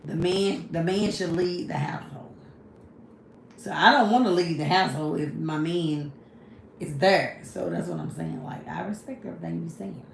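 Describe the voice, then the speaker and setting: Her voice is gravelly and fairly low, moving at a moderate pace as she hosts a casual livestream. She takes viewers' comments one by one, replies to them directly, and leans on the phrase "you know what I'm saying." Expect an echoey room and faint hiss behind her.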